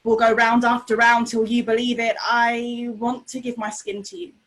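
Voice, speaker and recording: A woman performs spoken-word poetry in a high voice that stays quite level in pitch. Her delivery is deliberate, rhythmic and intense, like a slam poet on stage at the mic. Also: fairly bright tone, low-quality recording. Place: remote online video call.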